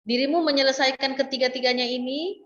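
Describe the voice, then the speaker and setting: A woman's voice: high-pitched, fairly even intonation, brisk, fairly bright tone, reverberant, muffled recording, slight background noise. A woman training instructor guiding an online class, explaining step by step with frequent fillers and restarts over a video call.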